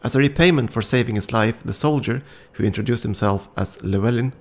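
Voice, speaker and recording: A man's voice: mid-range voice, a little fast, vocal fry. A man hosting a let's play, reading the game's story aloud and chatting casually, often stumbling and restarting on words. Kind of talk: reading game text aloud with casual commentary.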